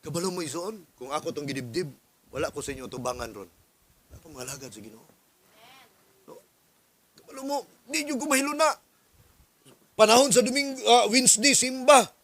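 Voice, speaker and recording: A male pastor from the Philippines preaching a sermon as an animated story, acting out dialogues. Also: high-pitched, brisk, long pauses.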